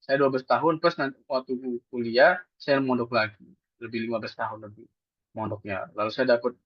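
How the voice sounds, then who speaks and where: A man's voice: mid-range voice, steady tone, a little fast, breathy edge, no room sound. A man teaching Quran recitation in an online lesson, explaining patiently step by step and asking and answering his own questions. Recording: dull dry lo-fi sound.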